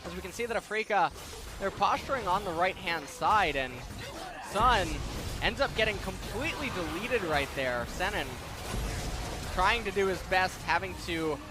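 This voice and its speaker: A man's voice: high-pitched, normal speed, music in the background. A man giving analytical color commentary on an esports match, breaking down fights and replays. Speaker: esports caster.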